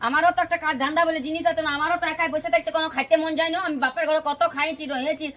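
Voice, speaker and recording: Casting: woman as a sharp-tongued young stepmother, Purulia Bengali accent, bright high voice. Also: little pitch movement, very fast. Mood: defiant. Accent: Purulia Bengali dialect. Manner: sharp, scolding, quarrelsome. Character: harsh young stepmother, quarrelsome and scolding. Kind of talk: village home drama acting.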